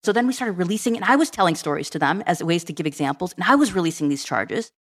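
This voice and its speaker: A middle-aged woman speaks as a guest on an interview podcast. She talks quickly and tells her story in an animated way, acting out the lines of the people in it. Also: fairly low pitch. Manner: fast, animated storytelling with quoted dialogue. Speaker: guest, program management director.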